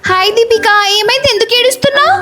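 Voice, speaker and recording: A carefree schoolgirl teases her crying friend in a very high, bright voice, as a woman puts her on. She sounds cheeky and unbothered. Background music runs under her. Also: quick pace. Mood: teasing. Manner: teasing, carefree. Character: cheeky schoolgirl friend who skips homework.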